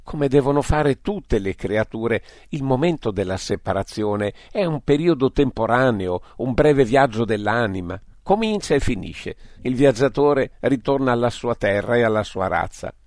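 A man voicing a large, calm, philosophical alien creature that speaks in a measured, courteous way. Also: mid-range voice, no echo, studio quality, lightly acted. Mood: reflective.

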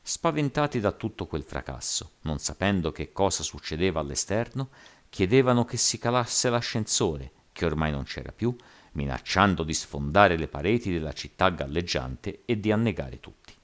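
A male audiobook narrator with a very low, deep voice. His reading is expressive and dramatic, with lively swings in pitch. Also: normal speed. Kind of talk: scripted narration.

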